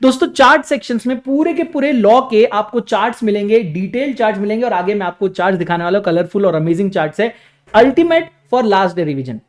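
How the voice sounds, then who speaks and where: A young man, a coaching teacher, giving an energetic, salesy pitch for his new book, with dramatic emphasis. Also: brisk.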